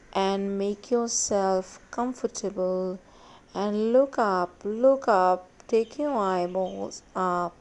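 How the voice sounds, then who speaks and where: A woman guides a meditation in a measured, hypnotic manner, repeating instructions with long pauses between them. Her voice is mid-range with a darkish tone.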